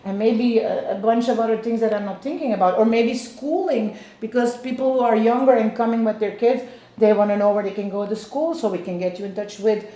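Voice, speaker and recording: A woman's voice: fairly high pitch, steady tone, brisk, warm tone. A woman in her fifties from Belgium, a real estate agent interviewing clients in a casual chat, explaining at length with many restarts. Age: 50s. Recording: echoey room.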